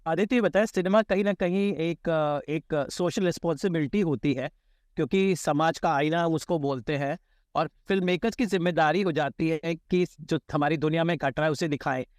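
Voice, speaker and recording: A man's voice: fairly high pitch, normal speed, no room sound, clean studio sound. A man interviewing film guests, asking long winding questions with fillers.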